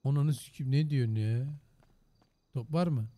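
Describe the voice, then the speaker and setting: A man streams a game in a loud, joking, foul-mouthed way. His voice is mellow and dark, and a bit hoarse. He keeps up casual play-by-play commentary as he explores. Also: mid-range voice, normal speed. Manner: loud, joking and heavily profane. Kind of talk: casual gaming livestream commentary.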